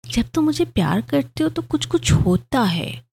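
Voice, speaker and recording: A woman's voice: high-pitched, sing-song, measured pace, gravelly, darkish tone, pitched above the performer's own voice, heavily acted. A woman doing a pampered, childlike young bride. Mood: girlish. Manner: sing-song, pouting and teasing.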